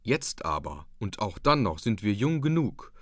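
A man's voice: lowish voice, big pitch swings, a little slow, no echo, clean studio sound, full character voice. A man reading the part of an earnest young male dike-reeve who speaks steadily and reassuringly to his wife. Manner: warm, reassuring.

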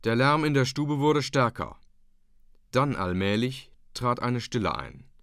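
A man reading a story aloud in a scripted narration style, lively and voicing the characters' quoted lines. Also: mid-range voice, measured pace, creaky, dry recording, clean studio sound. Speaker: audiobook reader.

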